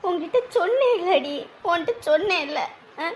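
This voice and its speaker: An actress playing a fretful middle-aged aunt who scolds and laments. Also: female voice, extremely high pitch, animated, moderate pace, slight background noise. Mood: scolding. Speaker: aunt of the bride. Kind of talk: TV drama acting.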